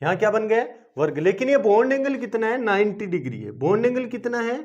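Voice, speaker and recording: A high-pitched man with a darkish tone delivers a chemistry lesson briskly and with great animation. Self-posed questions, self-supplied answers, and coaxing repetition fill this classroom-style video, recorded in dull lo-fi sound.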